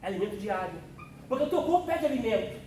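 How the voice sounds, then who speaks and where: Fervent pastor teaching a class. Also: male voice, high-pitched, big pitch swings, fast talker, a little mellow. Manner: fervent, exclamatory, calls on listeners by name. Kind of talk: preaching-style theology lecture. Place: church classroom. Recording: roomy, distant mic, faint noise.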